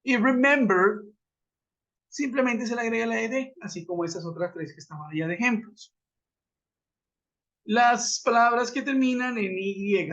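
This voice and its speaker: Patiently repeating examples and spelling them out, a man leads an English grammar webinar in a high voice with a fairly bright tone. The sound comes from a computer mic on a web call and is dull and lo-fi.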